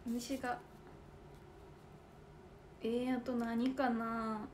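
Slow, giggly young Kansai woman. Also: fairly high pitch, flat delivery, a little mellow, a little hiss or hum. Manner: giggly, thinking aloud while writing. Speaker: idol livestream host. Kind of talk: casual livestream chat.

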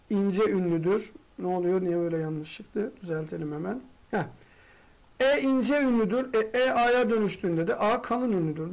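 This medium-pitched voice is creaky and a little mellow. It belongs to a teacher running exam-prep grammar, asking and answering rapid rhetorical questions while chatting to students as friends.

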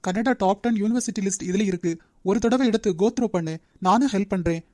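A strict young cartoon manager, as a woman voices him, lecturing at a quick clip. The tone is dark and mellow, and the sound is close and dry with no room around it. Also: mid-range voice, dry recording, close to an everyday voice. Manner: brisk, lecturing. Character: young male company manager, strict and demanding. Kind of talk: Tamil cartoon dub.

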